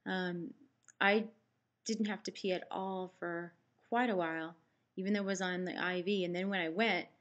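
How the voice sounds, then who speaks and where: In a personal vlog, a woman gives a post-surgery health update, casual, candid, chatty and matter-of-fact. Her lowish, slightly bright voice keeps a fairly even intonation at a moderate pace, and the sound is lo-fi.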